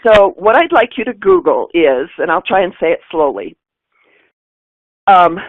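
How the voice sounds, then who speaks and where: A woman's voice: lowish voice, sing-song, brisk, no echo. A woman presenting in a webinar, answering a question in a careful, explanatory way. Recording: tinny phone-like line, dry.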